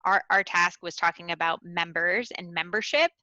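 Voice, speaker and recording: A woman mentor and volunteer reporting back at a meeting, deliberate and pausing thoughtfully. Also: on the low side, sharp tone, no room sound, dull audio.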